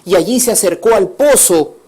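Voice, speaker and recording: A man telling a religious story as a sermon, swinging between loud emphasis and soft, hushed passages. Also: high voice, animated, normal speed, breathy edge. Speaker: teacher of a religious course. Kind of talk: preaching storytelling.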